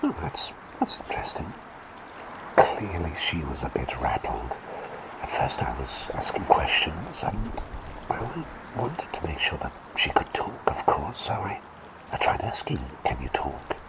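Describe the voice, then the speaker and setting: In a whispered ASMR roleplay, a man voices a quirky, eccentric male plague doctor who has become a small talking bird, chatting and rambling soothingly. His rumbling low voice is sing-song and measured, a full character performance. The audio quality is poor.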